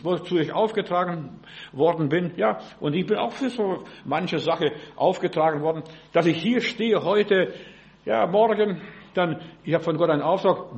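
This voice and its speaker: A man's voice: high-pitched, dull audio. A man preaching a sermon in an informal, direct way. He speaks to listeners as "du", says "ja" often and keeps asking if they understand.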